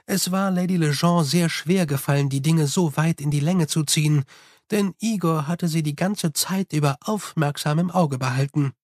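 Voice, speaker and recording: A man's voice: fairly high pitch, no echo. Man narrating an audiobook, dry. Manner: steady, measured storytelling. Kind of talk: scripted narration.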